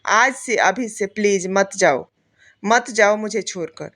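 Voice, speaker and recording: A grief-stricken young husband begs frantically and desperately, as a woman storyteller puts him on. The voice stays at an ordinary middle pitch, pleading from a storybook tale. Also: takes it slowly, a bit bright. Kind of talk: storybook narration.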